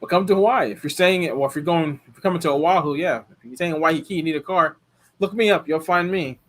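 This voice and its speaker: A car rental host in his thirties from the US chats casually with viewers on a live stream, answering their questions and rambling with many fillers and restarts. His voice is a little high, a bit bright, and quick.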